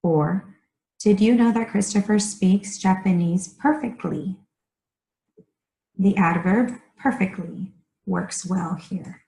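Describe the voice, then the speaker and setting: Woman, ESL teacher, very slow careful delivery, repeats key words, roomy echo. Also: medium pitch, mellow. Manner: speaks slowly and deliberately, repeating key words. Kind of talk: slow, clearly enunciated grammar lesson.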